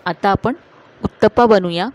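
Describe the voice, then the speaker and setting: A woman hosting a cooking channel, calmly narrating each step of a recipe to viewers in a voice-over. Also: medium pitch, normal speed, highs cut off. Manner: calm, instructive, addressing viewers directly.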